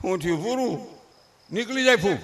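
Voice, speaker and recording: Older man, high voice, Kathiyawadi Gujarati accent; folksy stage comic who preaches as he jokes. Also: expressive, fairly quick, a bit bright. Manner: folksy, preachy, with rustic dialect. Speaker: folk comedian and speaker. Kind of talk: humorous stage talk with moral advice. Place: stage before a live audience.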